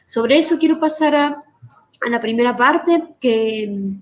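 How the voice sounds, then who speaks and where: High-voiced woman, halting talk. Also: expressive. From Argentina. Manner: hesitant, many fillers and restarts. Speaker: guest speaker, artist and researcher. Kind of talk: online conference talk. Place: home in Brazil.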